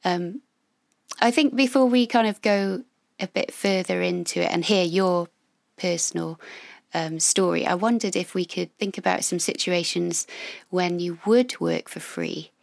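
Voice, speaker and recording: A woman with a gravelly voice chatting casually and reflectively as a friendly podcast co-host. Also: lowish voice, lively intonation, a little slow, dry recording, studio quality.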